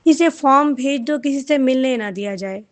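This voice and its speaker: A woman's voice: high-pitched, natural voice. A woman voicing a stern, angry middle-aged father who speaks harshly and gives orders, in a storybook reading. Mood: angry, curt. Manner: harsh, commanding.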